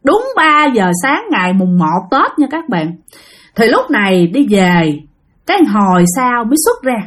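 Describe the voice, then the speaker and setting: A woman's voice: a little high, big pitch swings, a little slow, fairly bright tone. A woman telling a ghost story in a chatty, casual way, speaking directly to her listeners.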